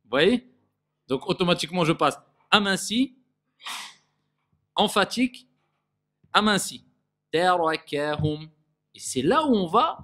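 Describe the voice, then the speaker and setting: Man teaching recitation, higher voice. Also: fairly bright tone. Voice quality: nasal in recitation. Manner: demonstrates sounds slowly, then quizzes students. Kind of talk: classroom tajwid lesson.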